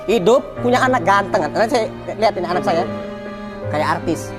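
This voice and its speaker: A man telling his life story in a casual interview, animated, swinging from loud exclaims to low murmurs. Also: fairly quick, music in the background.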